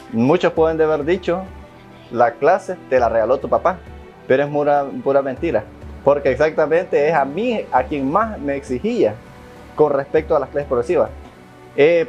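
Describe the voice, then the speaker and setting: A man's voice: on the high side, a little mellow. A man in a documentary interview, speaking earnestly about his father, hesitating and repeating words often. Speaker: interviewee, son of the subject. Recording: dull lo-fi sound with faint music.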